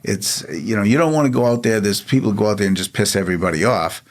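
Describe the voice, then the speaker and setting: Low-voiced rambling comedian. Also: male voice. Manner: rambling, halting, joking. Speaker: comedian guest. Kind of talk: casual interview chat.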